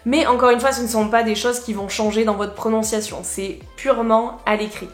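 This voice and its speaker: A woman with a somewhat high voice teaches in an easy, conversational way, pausing on fillers as she explains. Her voice rings in an echoey room, with faint music underneath. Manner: relaxed, explanatory, many fillers. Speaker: English teacher. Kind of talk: casual teaching talk.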